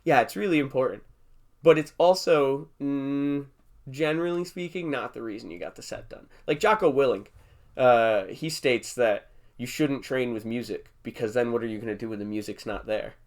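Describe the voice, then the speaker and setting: A man's voice: medium pitch, moderate pace. A young man hosting a casual podcast, rambling through jokey stories and laughing often. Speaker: podcast host. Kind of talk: casual chat.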